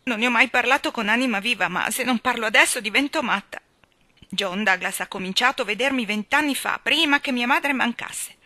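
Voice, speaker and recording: A woman's voice: on the high side, a little fast, pushed and bright, no room sound. A woman reading aloud and voicing a distressed forty-year-old unmarried woman who pours out her grievances in sobbing, indignant bursts. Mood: aggrieved. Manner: sobbing, indignant, pleading outbursts. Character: tearful forty-year-old spinster woman, wounded and bitter.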